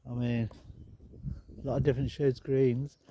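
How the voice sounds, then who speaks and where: Strolling around his garden, a man who sounds a bit bunged up rambles chattily and tosses in wry remarks for his vlog tour. His voice is mid-range and flat, at a normal speed. The recording is muffled with slight hiss or hum, and birds and animals can be heard outside.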